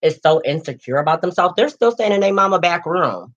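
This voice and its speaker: A man's voice: sits high, animated, a little fast, a bit bright. A man in his late twenties co-hosting a casual chat, sassy and dramatic, calling listeners girl and honey. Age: late 20s. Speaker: co-host. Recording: dull lo-fi sound.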